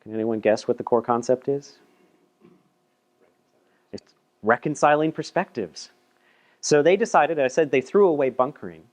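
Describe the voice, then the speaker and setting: A man's voice: mid-range voice, normal speed, long pauses. A man giving a casual, chatty technical talk at a meetup, presenting a paper with self-deprecating asides and frequent repeated words. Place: meetup room.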